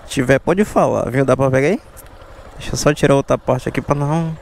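A man's voice: medium pitch, a little fast, creaky. A man in his thirties with a Bahian accent from Salvador, chatting casually and slangily as a motorcycle taxi vlogger. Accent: Bahian Brazilian Portuguese, Salvador. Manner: slangy, animated street talk. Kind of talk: casual vlog chat. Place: outdoors on city streets, mostly riding a motorcycle. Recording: outdoor noise, traffic and vehicle sounds.

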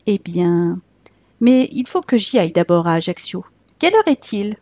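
A woman's voice: medium pitch, very animated, normal speed, darkish tone, no room sound, close to an everyday voice. A woman voicing a cunning grown-man gendarme in a storybook tale who coaxes a child in a falsely friendly way. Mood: coaxing.

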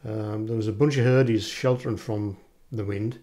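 Here a hiker films himself on the open fells, chattily narrating and noting the scenery in a casual walking vlog. He speaks at normal speed in a warm, steady, lowish voice. The sound is dry and studio quality, though the camera mic catches wind and faint outdoor noise.

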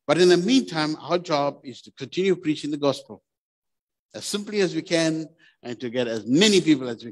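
A man preaching a sermon as pastor, plain-spoken and earnest, putting direct questions to the congregation. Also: on the high side. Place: church.

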